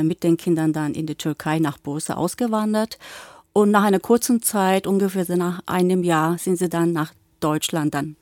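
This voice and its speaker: A woman's voice: fairly low pitch, a little mellow, dry recording, clean studio sound. A woman in her forties, born in Bulgaria with Turkish as her first language, speaking earnestly as a teacher and guest on a talk show. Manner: earnest, fluent with some hesitations.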